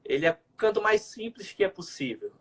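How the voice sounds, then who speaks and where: Brazilian man explaining in measured tones. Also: sits high, very animated, fairly bright tone, breathy edge. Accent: Brazilian Portuguese. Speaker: co-host, liturgical music educator. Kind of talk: casual chat over a video call. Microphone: video call.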